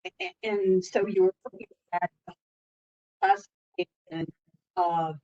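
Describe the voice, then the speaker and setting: A woman's voice: on the low side, fairly even intonation, unhurried, warm tone. A woman in an online meeting explaining a point with restarts, her voice breaking up over a crackling connection. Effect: choppy, crackling connection cutting out. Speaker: committee member on a call. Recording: dull lo-fi computer mic.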